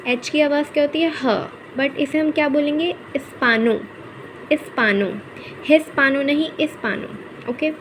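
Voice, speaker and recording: A woman's voice: high voice, normal speed, a little hiss or hum, poor audio. A woman teaching a Spanish pronunciation lesson in Hindi, repeating each example word patiently and saying "okay" often.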